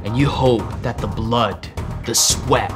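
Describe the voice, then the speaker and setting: A man's voice: mid-range voice, steady tone, takes it slowly, music in the background, natural voice. A young man playing a self-important, obsessive social media dancer in a scripted mockumentary comedy, grandiose and earnest. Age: young adult. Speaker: comedian playing lead in sketch.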